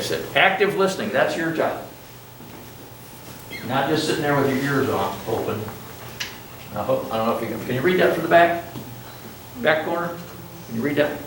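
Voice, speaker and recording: A man's voice: mid-range voice, background noise. Roomy, distant recording of a masked older man lecturing a class. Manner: chatty, asks the class questions, self-joking. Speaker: college instructor. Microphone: masked, speaking in a classroom.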